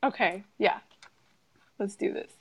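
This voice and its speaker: A woman's voice: mid-range voice, a little slow, breathy edge. A woman guest nurse in a casual live-stream chat, giggly and self-deprecating.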